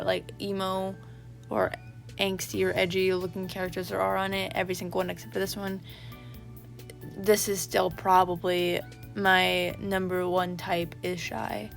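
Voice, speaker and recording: This woman vlogger speaks at a normal pace in a medium-pitched, gravelly voice with a level tone. She chats casually and enthusiastically, rambling like a fan as video game music plays behind her.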